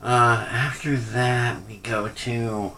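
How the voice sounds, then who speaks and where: A man's voice: medium pitch, fairly even intonation, takes it slowly, bright, forceful tone. A man giving a casual, off-the-cuff rant review, rambling and hesitant, often trailing off, with a critical, unimpressed manner. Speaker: wrestling pay-per-view reviewer.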